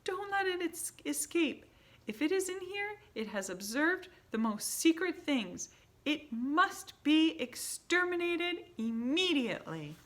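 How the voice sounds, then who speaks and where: A bossy old witch queen barks orders, pitched high and swinging wildly up and down, as a woman reading a storybook puts her on. She is cruel and imperious and shouts every command. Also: sing-song, unhurried, heavily acted. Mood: furious.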